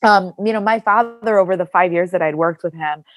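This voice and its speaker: Executive guest, woman in her 40s; earnest, filler-heavy interview talk, lower pitch. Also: a little fast, dry recording. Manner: earnest storytelling with frequent fillers. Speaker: company CEO, interview guest. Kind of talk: conversational interview.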